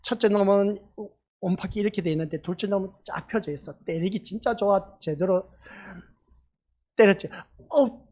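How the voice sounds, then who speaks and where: Husky-voiced man preaching a sermon. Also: sits high, normal speed, darkish tone. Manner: emphatic, peppers talk with rhetorical questions to the congregation. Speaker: pastor. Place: church sanctuary.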